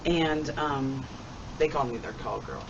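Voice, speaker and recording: A woman vlogger making a tag video tells stories in a rambling, folksy, chatty style full of homespun phrases. Her voice is extremely low, a little slow and creaky. The mic is distant, and the sound is dull with a noisy background.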